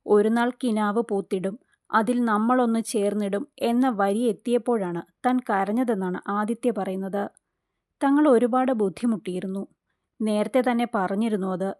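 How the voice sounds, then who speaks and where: A woman's voice: mid-range voice, dry recording. Woman reading entertainment news, dry close mic. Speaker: news narrator. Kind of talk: scripted entertainment news voice-over.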